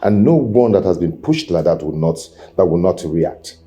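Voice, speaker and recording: An actor playing a reasoning prince in a film drama, measured and persuasive. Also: male voice, low-pitched, big pitch swings, mellow. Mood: measured, pleading. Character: reasoning prince pleading with his father.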